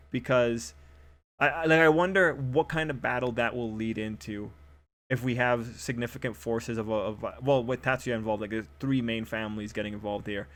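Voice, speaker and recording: A man talks through an anime episode in a casual, upbeat review. He rambles with fillers and restarts, and his mid-pitched voice is wearing hoarse. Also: a bit bright.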